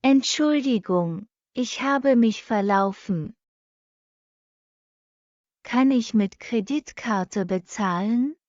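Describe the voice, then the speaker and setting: A woman reads short practice sentences for learners at a very unhurried crawl, repeating each one. Her voice sits a little high, and the recording is dry and slightly dull. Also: darkish tone, no room sound. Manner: reads each sentence twice, very slowly and evenly. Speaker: language lesson reader. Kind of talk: slow repeated phrase reading for learners.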